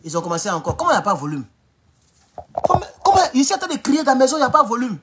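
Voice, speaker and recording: A man with an Ivorian French accent, speaking loudly and mockingly in a rambling live stream from his home, talking straight into his phone with no external mic. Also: extremely high pitch, wildly swooping pitch, rapid-fire, heavy background noise. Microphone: phone without external mic.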